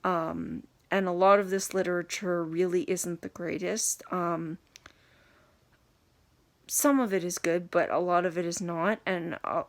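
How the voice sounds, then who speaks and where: A young woman giving an unscripted talk to camera, halting and hesitant, with many pauses and fillers. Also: lowish voice, steady tone, gravelly. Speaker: video blogger reviewing a book.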